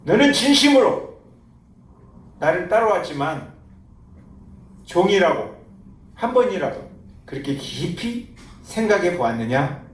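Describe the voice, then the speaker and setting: A man voicing Jesus as a gentle, questioning teacher, in an echoey church hall. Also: on the high side, sing-song, unhurried, long pauses. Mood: probing. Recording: roomy church hall, mic at a distance.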